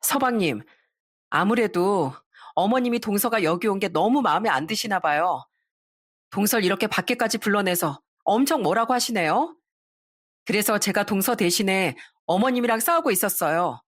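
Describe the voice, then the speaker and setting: A woman's voice: medium pitch, lively intonation, normal speed, no echo, clean studio sound, natural voice. A woman voicing an outspoken elder sister-in-law who stands up to her mother-in-law. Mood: reporting. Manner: blunt, defiant.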